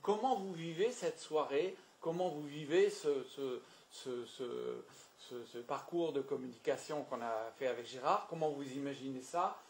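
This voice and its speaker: Homme formateur animé, salle sonore. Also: male voice, mid-range voice, measured pace, few pauses, roomy sound, a little hiss or hum. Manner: lively, repeats words, emphatic. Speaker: trainer. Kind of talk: communication training talk. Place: meeting room with audience.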